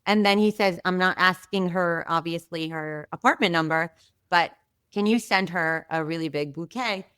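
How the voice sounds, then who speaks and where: An Israeli woman, appearing as a podcast guest, tells a story in an animated, chatty way with plenty of asides. Her lowish voice is smooth and clear and moves at a normal speed, recorded close and dry with no room sound.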